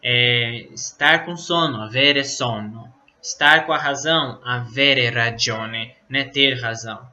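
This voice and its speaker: A Brazilian man teaching an Italian lesson in casual Portuguese, slowly explaining phrases and filling pauses with "né?" and "tá?". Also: medium pitch, bright, forceful tone. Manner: explains slowly, many fillers like "né?" and "tá?". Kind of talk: casual online language lesson. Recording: dull lo-fi sound.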